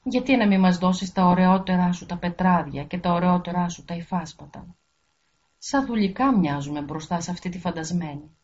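A woman's voice: lowish voice, darkish tone, lightly acted. A woman voicing spiteful, jealous young princesses who talk in a scornful, complaining way, on a dull lo-fi recording.

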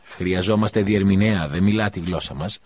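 A man's voice: low voice, dull audio, slight background noise, close to an everyday voice. A man voicing an agitated, scheming male priest in an audiobook, speaking in a raised, urgent way.

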